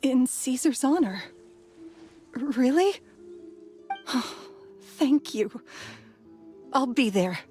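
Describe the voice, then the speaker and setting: A woman's voice: high voice, lively intonation, very slow, pauses often, a little mellow, full character voice. A woman voicing a timid, emotional young woman in an anime game, speaking hesitantly and earnestly. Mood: touched. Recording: music behind the voice.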